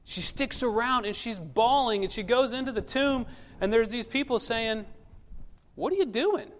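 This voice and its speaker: A man's voice: very high-pitched, moderate pace. A man preaching a sermon in a church, telling the story with humor and acting out the voices of the people in it. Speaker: pastor. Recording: long reverb of a large hall.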